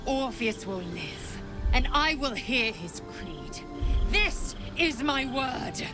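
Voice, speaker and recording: Lae'zel, a slow-spoken proud alien warrior. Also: female voice, high voice, sing-song, music in the background, exaggerated voice. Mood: defiant. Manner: formal, solemn, intense. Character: proud githyanki warrior woman, fierce, solemn, defiant. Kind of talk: dramatic video game acting.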